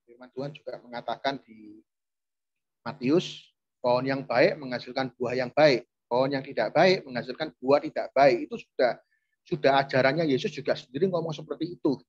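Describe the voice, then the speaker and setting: A man's voice: mid-range voice, moderate pace, muffled recording. A man preaching a chatty, conversational sermon, often turning to address his listeners directly. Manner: chatty, addresses audience often, restarts phrases.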